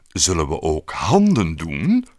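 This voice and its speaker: A man's voice: deep voice, huge pitch swings, slow, darkish tone, no room sound, voice pushed down, full character voice. A man voicing a naive, puzzled king in a children's story. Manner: puzzled and impatient.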